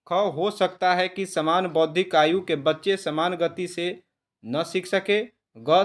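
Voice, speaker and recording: A man reading multiple-choice exam questions with their options and answers in a steady, measured way. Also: high-pitched. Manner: steady, measured reading, slows down when giving the correct answer. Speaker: quiz presenter for teacher exam prep.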